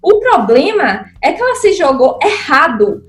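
A young woman, telling family stories as a podcast co-host and acting out the quotes. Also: moderate pace. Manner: animated, acts out quotes with big pitch jumps. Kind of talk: casual storytelling chat. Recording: roomy echoey room.

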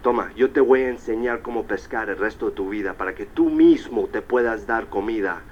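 A man's voice: lowish voice, a little fast, lo-fi sound, voice pushed down, natural voice. A man voicing a patient old fisherman. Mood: kindly. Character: calm old male fisherman teaching a boy.

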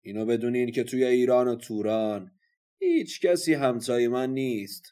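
A man voicing a boastful enemy champion warrior in a storytelling recording, shouting loud bragging challenges. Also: lowish voice, fairly even intonation, lightly acted.

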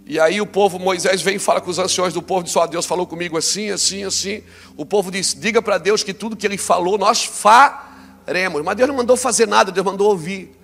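High, gravelly preacher man in a hall. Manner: swings between loud exclaiming and quiet low delivery. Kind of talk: sermon.

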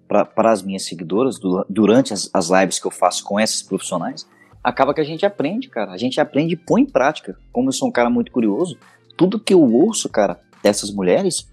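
A man's voice: mid-range voice, breathy edge. A Brazilian man, a podcast guest, chatting casually and acting out little scenes as he explains his audio work. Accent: Brazilian Portuguese. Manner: animated storyteller acting out scenes.

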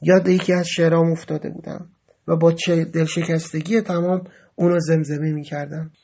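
A man with a notably high-pitched voice tells a dramatic first-person story. His telling is vivid and emotional, swelling into agitated outbursts whenever he quotes what he said. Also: level tone, vocal fry, mellow.

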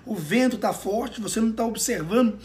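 A panicked wife cries out frantically in a sermon story, as a pastor puts her on. The voice sits high and sounds desperate. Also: brisk, a little mellow, distant mic, natural voice. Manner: frantic pleading. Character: frightened wife, adult woman, panicky.

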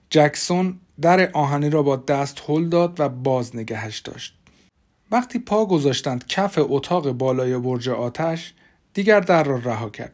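A man's voice: mid-range voice, a little mellow. Man narrating an audiobook. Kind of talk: scripted narration.

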